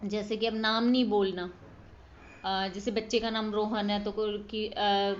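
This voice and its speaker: A woman's voice: medium pitch, level tone, a little slow, dull audio, slight background noise. A woman tutor giving an informal exam-prep lesson, talking conversationally and checking in with her listeners. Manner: conversational, checks in with listeners, acts out baby talk as examples.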